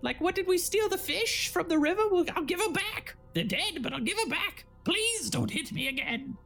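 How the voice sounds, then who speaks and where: A frightened, stammering goblin survivor pleads for mercy, as a man puts him on during a tabletop game. The voice is gravelly and creaky, and it swoops up and down in lively, jumpy pitch. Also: normal speed, faint music behind, heavily acted. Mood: pleading. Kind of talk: tabletop role-play voice.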